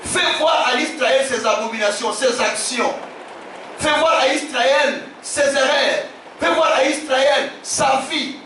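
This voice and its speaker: A man from Africa, a bishop preaching a sermon, emphatic, repeating his phrases and shouting key lines. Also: very high voice, slow, slight background noise. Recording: very echoey hall, distant from the mic.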